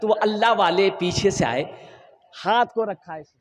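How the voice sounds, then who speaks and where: A man's voice: high voice, measured pace, big-room sound. A man preaching a sermon, telling an emotional story and calling on the crowd to answer his questions. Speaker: Islamic preacher.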